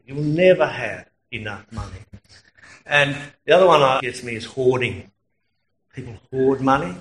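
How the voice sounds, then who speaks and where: A man's voice: fairly high pitch, reverberant, a little hiss or hum, rough recording. A man with an Australian accent preaching a sermon in a conversational way, telling anecdotes and chuckling at his own stories.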